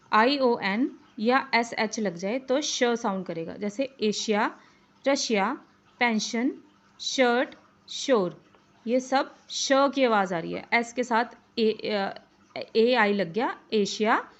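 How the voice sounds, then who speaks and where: Slow, patient woman teaching phonics. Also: fairly high pitch. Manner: slow, repeats words and letter names, many fillers. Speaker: English teacher. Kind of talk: spoken English lesson in Hindi. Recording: dull lo-fi recording.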